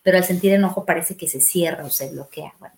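Lower-voiced woman giving parenting advice. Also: fast, creaky, darkish tone. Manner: explanatory, acts out parent and child questions in a raised voice. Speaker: family therapist. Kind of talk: podcast advice talk.

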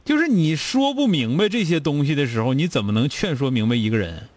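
A man's voice: a little high, expressive, a little fast, darkish tone. A man with a Northeastern Chinese accent hosting a call-in advice show, blunt and scolding, firing rhetorical questions. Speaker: radio call-in show host.

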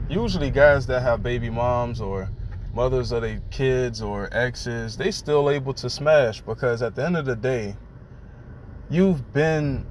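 A man in his late twenties speaks frankly and loosely, as if chatting to regular listeners. His voice sits at an ordinary middle pitch. Clear rain and car sounds run behind him. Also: noisy background. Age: 20s. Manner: candid, rambling, conversational. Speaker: podcast host. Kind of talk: casual personal monologue.

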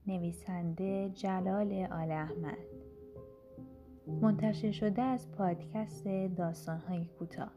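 A woman narrates a short story in the first person, close to the mic. Her pitch sits in a middle range and her delivery is measured and earnest. Clear instrumental music plays beneath her voice. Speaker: audiobook narrator. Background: background instrumental music.

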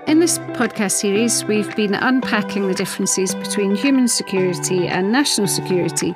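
A woman hosts a podcast in a middle-pitched voice. Her delivery is measured and earnest, part scripted introduction and part interviewing. She sometimes corrects herself mid-word. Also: expressive, over music. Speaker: podcast host.

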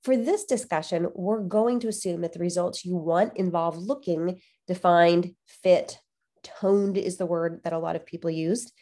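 Nasal, congested woman podcast host with mellow tone. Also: on the low side, normal speed. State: has a cold. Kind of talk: solo fitness podcast talk, conversational explanation.

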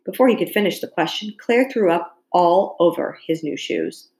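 A woman reading a novel aloud as an audiobook, narrating calmly in the first person. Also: lowish voice, normal speed. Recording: echoey room.

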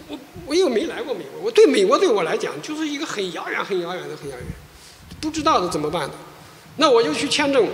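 A male pastor, sharing an animated personal testimony in a sermon, often restarting his sentences. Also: high voice, slight background noise. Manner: animated storytelling, frequent restarts. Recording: echoey church hall.

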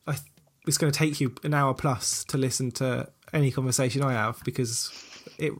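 A man's voice: mid-range voice, fairly even intonation, normal speed, breathy edge. A man with a southern English accent, hosting a podcast in a casual, reflective and self-deprecating way. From Portsmouth, south coast of England. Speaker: podcast host. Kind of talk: casual chat.

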